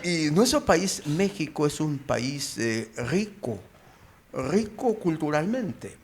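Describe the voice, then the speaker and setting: A man born and raised outside Mexico, now living there, speaks as a pastor and guest explainer, teaching informally in a group discussion. He repeats phrases and poses questions in a slightly high, expressive voice at a slow pace.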